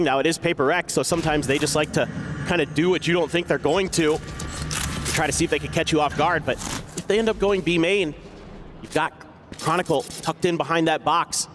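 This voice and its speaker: A man's voice: on the high side, fairly bright tone, slight background noise. A man working as an esports caster, giving analytical match commentary in a conversational, explanatory way.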